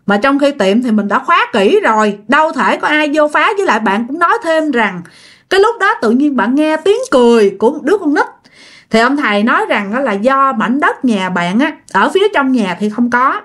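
A woman's voice: sits high, sing-song, brisk, a bit bright. Chatty Southern Vietnamese woman telling ghost stories. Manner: chatty, addresses listeners directly. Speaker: storyteller. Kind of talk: casual ghost-story narration.

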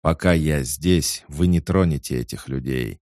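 A man voicing a wounded, defiant male swordsman who growls and shouts his lines in a dramatic story. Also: a bass voice, unhurried, no echo, studio quality. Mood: defiant roar.

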